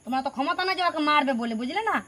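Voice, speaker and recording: A woman's voice: high voice, racing, sharp tone. A woman with a Purulia Bengali accent playing a grandmother who scolds her daughter-in-law in a village drama. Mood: scolding. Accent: Purulia Bengali dialect. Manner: scolding, indignant. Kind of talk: village home drama acting.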